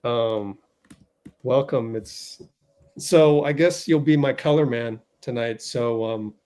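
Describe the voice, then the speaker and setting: Flustered livestream host doing play-by-play. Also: male voice, mid-range voice, takes it slowly, warm tone. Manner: flustered, rambling, many fillers, talks to himself while fixing tech.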